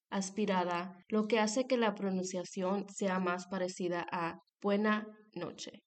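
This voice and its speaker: A young woman in her twenties, a student presenter, reads a scripted lesson aloud in a steady voice. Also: medium pitch. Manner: steady read-aloud delivery with clear examples. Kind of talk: scripted educational narration.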